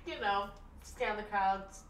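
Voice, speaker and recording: A woman's voice: mid-range voice, takes it slowly, a bit bright. A woman chatting casually as a player in a tabletop game, recorded in an echoey room. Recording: echoey room, distant mic, faint noise.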